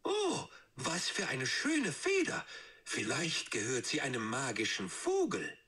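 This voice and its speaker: A synthetic male voice playing an excited little fox in a children's fairy tale. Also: mid-range voice, a little slow, exaggerated voice. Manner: eager, wondering. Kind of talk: storybook narration.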